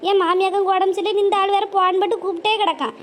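A woman voicing a scheming, impatient grown daughter, scolding in a sharp, nagging way. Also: extremely high pitch, steady tone, racing. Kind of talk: cartoon voice acting.

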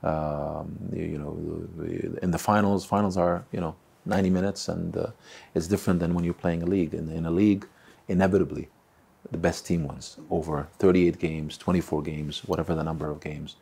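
A man in his forties speaks in a deep, mellow register with a gravelly, husky grain. He answers questions in a seated interview, stumbling over and repeating words and filling pauses with "uh". He sounds close to the mic in an indoor room. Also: fairly even intonation. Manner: halting, repeats words, many fillers. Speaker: football club chairman. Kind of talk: sit-down interview. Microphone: close mic, seated on camera.

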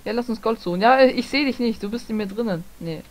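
Playing a game with friends, a young woman chats fast in a fairly high, slightly mellow voice. As a Let's Play gamer, she teases the others, laughs a lot, and swears mildly.

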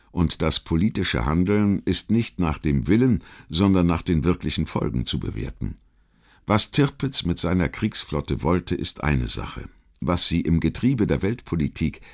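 Reading from a script, a low-pitched male narrator takes listeners through a history documentary in audiobook style, pacing himself carefully and choosing his phrasing with literary deliberateness.

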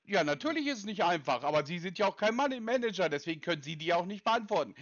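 A man's voice: high voice, expressive, fast, no echo, highs cut off. A man making a prank call to a scam call center, impatient and lecturing, talking over the other side. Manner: impatient, lecturing, interrupts often. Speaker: scam-baiting caller.

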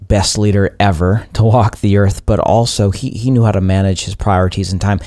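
A man hosting a podcast interview, asking long thoughtful questions in a measured way with a few fillers. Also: lowish voice, darkish tone, no echo, studio quality. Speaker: podcast host.

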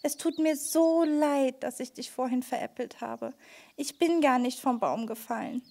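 A woman puppeteer voicing a kind, slightly timid young girl in a children's puppet show, who speaks gently and earnestly to the children. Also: high voice, normal speed, creaky. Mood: apologetic.

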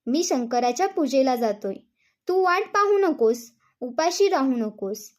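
A woman's voice: sits high, expressive, a little slow, darkish tone. A woman doing a devout young husband. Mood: questioning.

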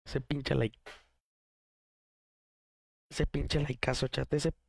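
A man with a Mexican Spanish accent, chatting casually on a morning live stream, slangy and hyped, his voice a little rough from a cough. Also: mid-range voice, little pitch movement, very slow, no room sound.

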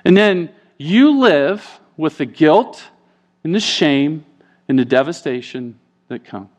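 A middle-aged male pastor delivers a sermon in a church, his voice sitting fairly high. He tells stories energetically and acts out the voices of the people in them. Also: takes it slowly, dull audio. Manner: animated storytelling, acting out quoted voices. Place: church sanctuary.

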